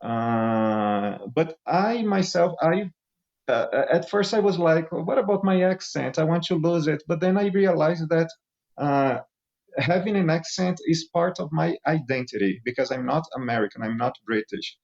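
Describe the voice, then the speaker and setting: Hosting a podcast in English, this Portuguese-speaking man from Brazil, an English teacher in his late thirties, has a Brazilian accent. He speaks at a measured pace with a fairly high, darkish voice, and the recording's highs are cut off.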